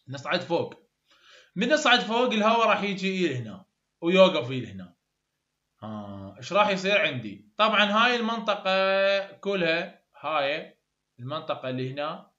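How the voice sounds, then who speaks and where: A man's voice: on the high side, bright, forceful tone. A man with an Iraqi Arabic accent teaching English phonetics, explaining step by step and repeating terms for learners. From Iraq. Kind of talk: recorded online lecture. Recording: echoey room, dull lo-fi sound.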